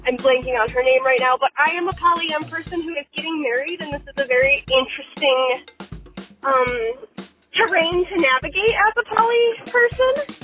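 A woman's voice: high-pitched, moderate pace, sharp tone, soft background music, poor audio. A woman leaving a chatty, rambling voicemail message, recorded on a car phone and played back.

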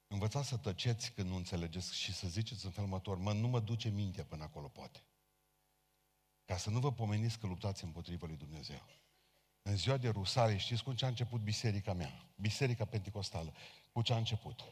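A man's voice: fairly low pitch, slightly rough. A man preaching a sermon as a Pentecostal pastor, speaking fervently and addressing his congregation directly. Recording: long hall reverb.

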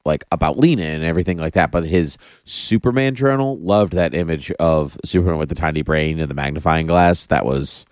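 Deep-voiced, enthusiastic man in casual chat. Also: brisk, few pauses, no room sound, clean studio sound. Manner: enthusiastic, repeats phrases for emphasis. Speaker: podcast host. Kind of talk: casual chat about comic-book TV.

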